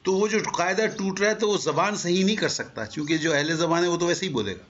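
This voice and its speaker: A man's voice: sits high, a bit bright. A man teaching a class, explaining step by step and asking rhetorical questions. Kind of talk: lecture to a class. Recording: dull lo-fi recording.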